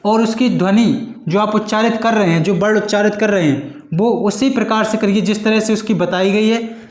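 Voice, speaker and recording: A male teacher giving a patient exam-prep Hindi lesson, repeating each point and sounding out syllables slowly. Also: high-pitched, darkish tone, reverberant.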